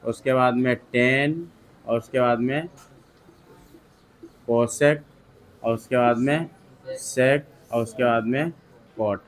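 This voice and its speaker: A man with a Hindi accent teaching maths to a classroom at an unhurried, deliberate pace. He repeats questions to drill the students and calls on pupils one by one to read aloud. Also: mid-range voice, fairly even intonation. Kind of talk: classroom lecture.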